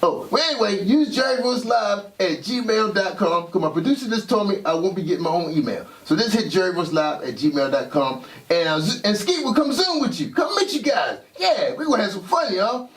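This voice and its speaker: A man voicing an excitable boyish puppet who hosts a kids' show like an overbright party host, with a husky voice and hyped, exclamatory delivery. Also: sits high, a little fast, hardly any pauses. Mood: overbright, excited. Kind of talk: children's puppet show presenting.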